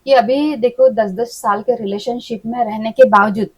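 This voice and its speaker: High pitched lady astrologer on a podcast, blunt and chatty, does her clients' voices when quoting them. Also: steady tone, moderate pace, poor audio. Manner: speaks frankly, acting out clients' words. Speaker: astrologer guest. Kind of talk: casual podcast conversation. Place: podcast studio.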